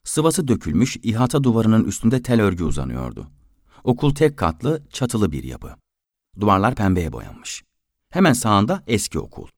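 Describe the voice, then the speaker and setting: Somber low-voiced male storyteller. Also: wildly swooping pitch, moderate pace, darkish tone. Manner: somber, reflective first-person reading. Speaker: narrator. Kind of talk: scripted narration of a literary story.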